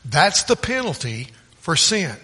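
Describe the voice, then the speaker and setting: Brief: male preacher, sermon delivery, slow and deliberate, lightly raised pitch, driving home points by repeating them. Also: sing-song, sharp tone, slightly rough. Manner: emphatic, repetitive, storytelling.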